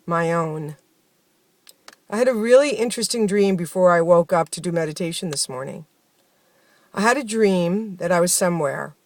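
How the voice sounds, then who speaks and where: A woman's voice: on the low side, dry recording. A woman speaking a heartfelt personal diary, telling her story in a reflective, conversational way, with many fillers. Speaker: host of a spoken daily journey series.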